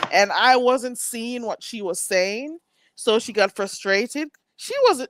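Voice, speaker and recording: A woman's voice: mid-range voice, fairly bright tone, no echo. A woman hosting a live stream, her voice rising and falling a lot as she chats and tells stories. She sounds a little stuffed up, and the recording is dry and close. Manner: chatty storytelling, laughs often. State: stuffy nose. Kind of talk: casual live chat.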